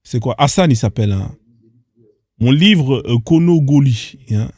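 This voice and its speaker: A man's voice: medium pitch, animated, a little slow, darkish tone, no echo, studio quality. A man hosting casual reaction commentary on odd internet clips, incredulous and firing off rhetorical questions in street slang. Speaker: host reacting to social media clips.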